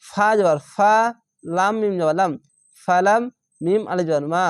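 A man's voice: high voice, a little slow, clean tone, dry recording, clean studio sound. A man teaching Quran reading, patiently spelling out Arabic letters and syllables one by one and drawing out the long vowels for learners. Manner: patient and methodical, repeats syllables and draws out vowels.

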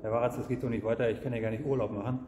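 A man's voice: medium pitch, steady tone, racing, crowd noise. Middle-aged guy explaining a bike rack, earnest, lots of ums, roomy hall echo. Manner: earnest, hesitant with frequent fillers. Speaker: product seller, guest. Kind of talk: casual product explanation. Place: camper showroom, large indoor hall. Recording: roomy hall with long reverb.

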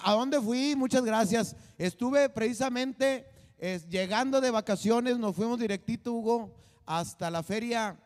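A comedian and show host in his 40s, with a high voice that sounds like it is in a large hall, delivers a casual comedic monologue into a handheld mic at a desk. He is rowdy and crude, packing his jokes with fillers. Behind the desk on the small studio set sits a drum kit.

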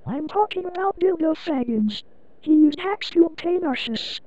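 A man voicing a high-voiced police officer who barks curt commands, in a dull lo-fi recording. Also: lively intonation, moderate pace, a little mellow. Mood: stern. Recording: dull lo-fi sound.

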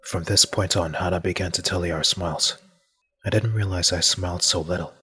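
A performer voicing a calm, deadpan undead man who narrates a fan audio drama, with a raspy voice. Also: low voice, a little fast. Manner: deadpan, dry.

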